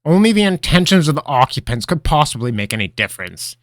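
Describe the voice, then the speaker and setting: A man voicing an eccentric old male wizard master, theatrical and mischievous, with a high, booming, cackling voice. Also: big pitch swings, fast talker, no echo, studio quality. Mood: grand, instructive. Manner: theatrical, mischievous, grand pronouncements. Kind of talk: storybook character voice.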